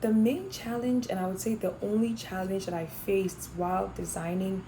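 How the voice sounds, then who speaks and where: A woman's voice: medium pitch, moderate pace, warm tone, slight background noise, poor audio. A young woman from Ghana, a fashion design student, answering interview questions thoughtfully with some fillers and restarts. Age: young adult.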